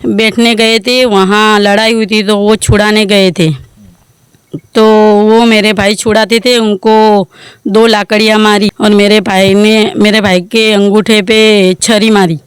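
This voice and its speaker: Agitated woman with a very clear voice. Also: medium pitch, level tone, unhurried, no echo. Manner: agitated, repeats phrases. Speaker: village resident interviewed. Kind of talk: street interview.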